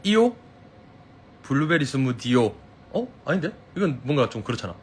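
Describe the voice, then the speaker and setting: A man's voice: mid-range voice, big pitch swings, normal speed, a little hiss or hum. A man with a Gyeongsang Korean accent chatting casually on a live stream from his phone, reading viewers' comments, playful and teasing and laughing often.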